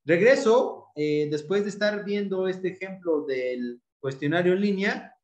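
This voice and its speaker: Mexican teacher explaining in an echoey room. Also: male voice, sits high, animated, measured pace, highs cut off. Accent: Mexican Spanish. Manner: explanatory, repeats key points. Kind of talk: online exam-prep lesson.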